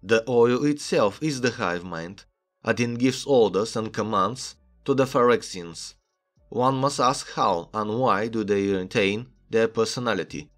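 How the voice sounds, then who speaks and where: A man with a low voice narrates an analytical video essay, stepping through his argument point by point and reading passages from the story aloud. Faint music plays quietly behind him. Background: background music.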